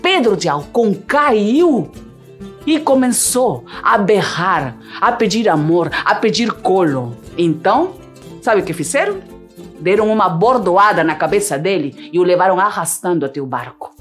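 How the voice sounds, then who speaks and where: A middle-aged woman from Peru, telling a tale with deliberate, rhythmic, theatrical phrasing. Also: medium pitch, very animated, faint music behind. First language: Spanish. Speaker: storyteller. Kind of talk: dramatic oral storytelling.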